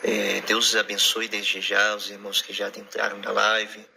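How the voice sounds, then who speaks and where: Male preacher, low flat gravelly voice, bright edge, faint noise behind. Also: normal speed. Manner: fervent, peppered with amens. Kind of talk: livestreamed sermon.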